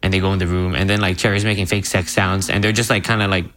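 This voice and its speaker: A man co-hosting a podcast, chatting casually about a movie, laughing and acting out characters in quick impressions. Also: deep voice, flat delivery, a bit bright, a little hiss or hum. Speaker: podcast co-host.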